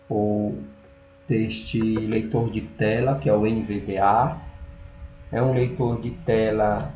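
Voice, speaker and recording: A Brazilian man presenting a lesson, partly reading aloud, halting and pausing mid-sentence. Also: mid-range voice, mellow. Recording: roomy, dull audio with hum.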